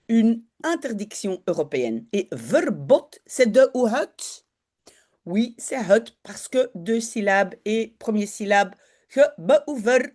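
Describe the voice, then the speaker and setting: A woman's voice: medium pitch, darkish tone. A woman teaching Dutch, talking learners through a news article in a chatty way, with many fillers and self-corrections.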